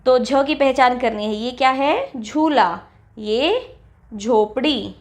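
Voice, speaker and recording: A woman teacher walking young children through a textbook lesson, reading each example word slowly and clearly. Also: sits high. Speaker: primary school teacher.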